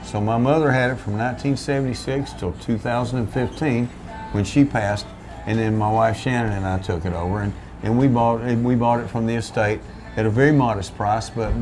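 Rambling folksy older restaurant owner. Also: male voice, mid-range voice, darkish tone. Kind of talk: relaxed storytelling interview. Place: small restaurant back room, indoors. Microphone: seated at a table, camera in front.

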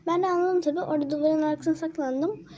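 A high, fast voice with a dark tone and fairly even intonation belongs to a young girl vlogging casually. She tells an agitated, rambling story about the neighborhood kids, restarting again and again.

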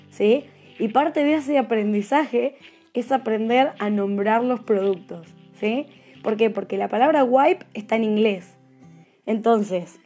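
A young Argentine woman gives a live nail class in a bright, somewhat high voice. She talks in a chatty, patient way and checks in with her viewers after almost every sentence. Soft music plays quietly underneath. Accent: Argentine Spanish. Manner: chatty, keeps asking "¿sí?". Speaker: nail technician teacher. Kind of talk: live tutorial talk.

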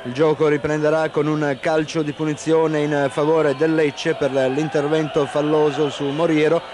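A man commentates a football match live, in a fairly high, level voice. He names players in short, measured, factual phrases. The recording is an old television broadcast with clear stadium noise behind him. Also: flat delivery. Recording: noisy old 1990 TV broadcast.

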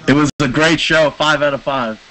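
A man speaking as a guest in a casual video-call chat, hesitant and pausing on fillers. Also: a little high, crowd noise.

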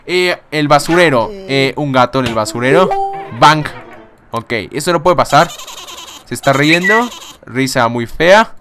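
A young man casually commenting on a game, excitable, swearing and laughing often. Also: fairly high pitch, unhurried, music in the background. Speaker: gaming YouTuber. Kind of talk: casual let's-play commentary.

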